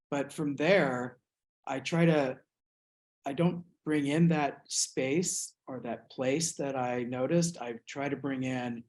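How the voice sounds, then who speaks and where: This man from the United States has a mid-range, darkish voice. He's an artist musing on his work during an interview, speaking with care and many pauses and restarts.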